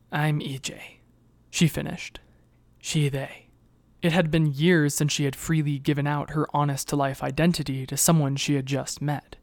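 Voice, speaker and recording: A narrator reading a webnovel as an audiobook in a steady, even storytelling manner on a close mic. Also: mid-range voice, dry recording.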